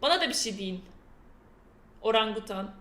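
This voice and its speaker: A woman's voice: on the high side, animated, moderate pace, pushed and bright, roomy sound. A young woman chatting casually with her live-stream chat and reading quiz questions aloud in a playful way. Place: indoor room with a door that keeps slamming.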